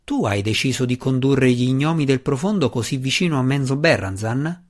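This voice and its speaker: A man voicing an earnest, wry dark elf warrior, speaking in a pressing, slightly raised voice. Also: medium pitch, expressive, moderate pace, close to an everyday voice.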